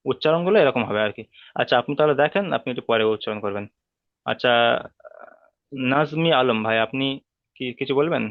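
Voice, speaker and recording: A man who teaches Arabic reading in an online class. He talks patiently and repeats each sound slowly so students can drill it. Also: mid-range voice, animated, no room sound. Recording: dry, tinny phone-like call audio.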